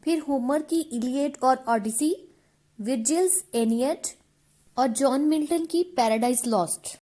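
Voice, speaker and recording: A woman gives a literature lecture in a high, clear voice. She reads each definition slowly and deliberately, then switches to an easy, conversational explanation in Hindi. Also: dark tone. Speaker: English literature teacher. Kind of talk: online lecture mixing Hindi and English.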